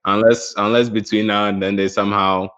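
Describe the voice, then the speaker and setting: A man's voice: on the low side, level tone, brisk, fairly bright tone, lo-fi sound. A man talking football casually as a panelist, hesitant and repeating his phrases. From Ghana.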